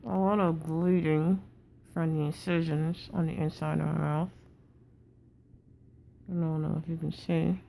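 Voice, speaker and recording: Low-voiced woman talking through a wired jaw. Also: vocal fry, mellow, a little hiss or hum. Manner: muffled talk through a wired-shut jaw, teeth held together; halting, effortful. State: tired, sore with swollen cheek. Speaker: patient recovering from jaw surgery. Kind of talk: casual video diary.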